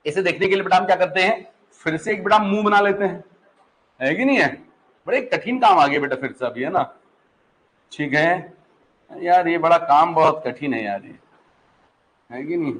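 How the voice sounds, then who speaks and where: A man's voice: on the high side, animated, normal speed, long pauses, a bit bright, rough recording. A man with a Pahari-influenced Hindi accent teaching a class in a classroom, patient and chatty, often repeating his questions back to the students and checking that they follow. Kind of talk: classroom lecture.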